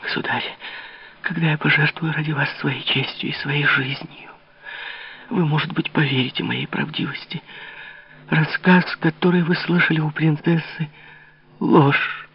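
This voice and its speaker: Male narrator doing a pleading young woman, high, trembling, whispery, muffled recording. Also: lively intonation, fast, hardly any pauses, recorded from a distance. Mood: desperate. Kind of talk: audiobook character voice. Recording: dull lo-fi recording.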